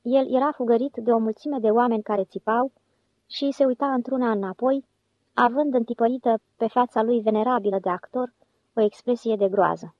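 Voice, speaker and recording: A woman's voice: fairly high pitch, dry recording. Woman narrating an audiobook, dry, lo-fi. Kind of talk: scripted narration. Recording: dull lo-fi audiobook recording.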